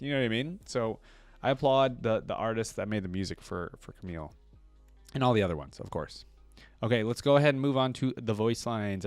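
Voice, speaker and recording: A man with a mid-range voice hosts a fan channel, giving casual, enthusiastic reaction commentary in informal slang. The recording has no echo, and video game theme music plays behind him.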